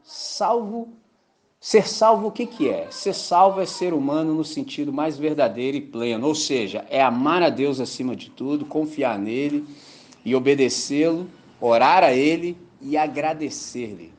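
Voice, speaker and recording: A man's voice: on the high side, a little slow, a little mellow. A man preaching an informal, joking sermon, often checking that his listeners follow. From Brazil. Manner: colloquial, jokey, keeps asking "entendeu?". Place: mission gathering.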